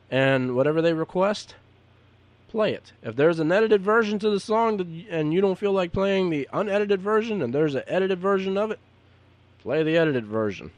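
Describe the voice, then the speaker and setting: A man's voice: a little high, dry recording. A man who is a podcaster and DJ, talking unscripted and giving advice to other podcasters in a rambling, repetitive, earnest way. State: hiccups.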